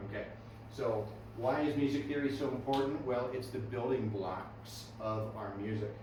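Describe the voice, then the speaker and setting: In a steady, mid-range voice at normal speed, a man runs a music theory workshop, quizzing students warmly and checking in with "right?" and "okay." The classroom sound is echoey, with a distant mic and background noise.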